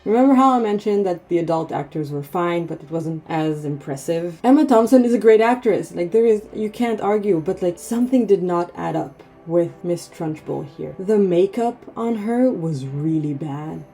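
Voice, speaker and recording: Woman, Israeli accent, casual review, rambling with fillers, warm dark tone. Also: lowish voice, lively intonation, moderate pace, few pauses, soft background music. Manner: chatty, rambling, many fillers and restarts. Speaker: film reviewer.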